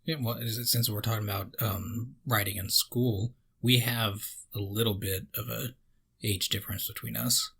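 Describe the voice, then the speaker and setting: Bright husky young man hosting a chat. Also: lowish voice, steady tone, moderate pace. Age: 20s. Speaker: host. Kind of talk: casual conversation.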